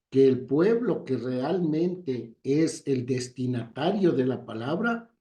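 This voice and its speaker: A man in a Bible study giving a measured, deliberate comment. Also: on the high side, mellow. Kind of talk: slow reflective comment. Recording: echoey room.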